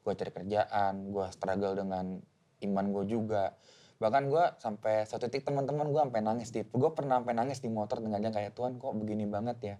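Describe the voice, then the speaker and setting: Fast-talking young man sharing a story. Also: on the low side. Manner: fast, animated storytelling with acted-out quotes. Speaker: podcast co-host. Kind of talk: casual chat, personal testimony.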